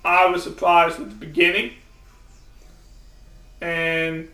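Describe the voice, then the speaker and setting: A man's voice: fairly high pitch, flat delivery, slow pace, bright, forceful tone. A man giving a casual, rambling vlog book review, often restarting his sentences. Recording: echoey room, mic at a distance.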